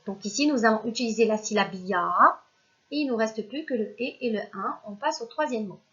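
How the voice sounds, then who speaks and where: A woman's voice: fairly high pitch, animated, normal speed, a bit bright, highs cut off. A woman teacher giving a recorded reading lesson to young children, sounding out syllables one by one and praising the pupils. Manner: speaks directly to the pupils as if they are present, praising them. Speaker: primary school teacher.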